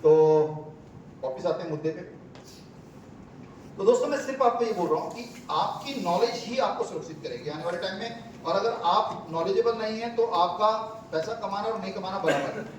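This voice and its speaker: A man speaks in a high voice, telling stories to a seminar crowd and acting out the people in them. He sounds distant, caught from across a very echoey hall. A faint hiss sits under his voice. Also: expressive, normal speed. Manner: storytelling, acts out callers' voices, laughs often. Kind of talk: lively talk to an audience with anecdotes.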